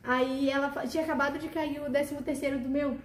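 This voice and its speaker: A woman telling a personal story in a casual, animated way, acting out the dialogue as she goes. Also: high-pitched, fast, echoey room, slight background noise. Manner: animated, emotional retelling with quoted dialogue. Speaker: guest telling her testimony.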